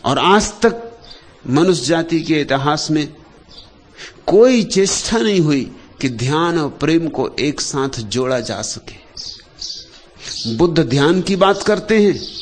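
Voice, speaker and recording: A man giving a spiritual discourse in short, deliberate phrases, pausing often and letting his voice sink low and soft at the end of each thought. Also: lively intonation, a little hiss or hum. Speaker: spiritual speaker.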